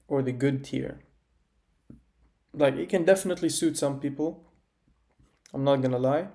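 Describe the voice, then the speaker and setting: A man's voice: medium pitch, mellow. A young man from Iraq giving frank, casual commentary as he ranks men's hairstyles, with lots of "like" and "you know". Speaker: men's grooming YouTuber. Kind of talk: casual tier-list commentary.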